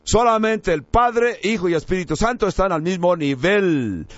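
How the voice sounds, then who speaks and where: A man's voice: sits high, lively intonation, moderate pace, fairly bright tone, no echo. A man preaching a sermon in an emphatic way, his voice climbing on key words. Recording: dry, slightly dull recording.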